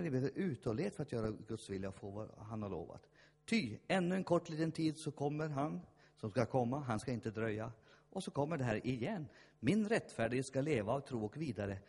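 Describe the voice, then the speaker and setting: A man's voice: mid-range voice, darkish tone. A man preaching a fervent sermon, telling stories and acting out the voices in them. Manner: fervent, storytelling, acts out voices. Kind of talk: lively sermon with shouted peaks. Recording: long hall reverb.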